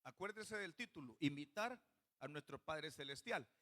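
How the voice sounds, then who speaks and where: A high, bright male voice delivers a church sermon. He keeps questioning the congregation as he preaches. His tone is sharp and forward. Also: expressive, normal speed. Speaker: pastor.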